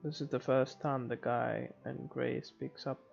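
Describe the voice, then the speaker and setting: Narrating a visual novel during his game playthrough, this let's player speaks in a mid-range, darkish, level voice with a creaky texture. He reads casually and stumbles a little. The audio is slightly muffled, with music running beneath.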